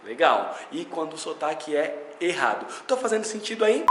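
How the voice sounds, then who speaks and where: A man's voice: on the high side, sing-song, fairly quick, reverberant, heavy background noise. A man with a Brazilian Portuguese accent giving a casual video lesson as an English teacher, chatty and talking straight to the viewer. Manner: chatty, addresses viewer directly.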